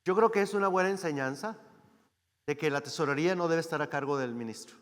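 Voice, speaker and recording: A man from Mexico preaching as a guest speaker. His voice sits a little high for a man, and he keeps checking in with the congregation through rhetorical questions. A long reverb from the church hall trails behind his words. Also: fast. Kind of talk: sermon.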